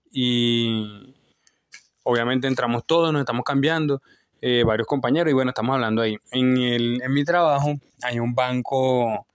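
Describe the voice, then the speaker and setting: A man's voice: mid-range voice, smooth, no echo, clean studio sound. A young man, co-hosting a casual podcast and telling stories with many fillers and restarts. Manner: rambling storyteller with many fillers and restarts, laughs often. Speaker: podcast co-host.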